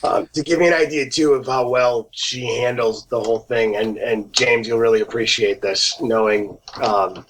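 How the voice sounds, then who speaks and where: A man speaks on a casual podcast as the guest's father. His voice sits at a middle pitch. He explains things in an easy way with a touch of humor. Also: fairly even intonation, moderate pace, hardly any pauses, fairly bright tone, slight background noise, low-quality recording. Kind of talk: casual chat.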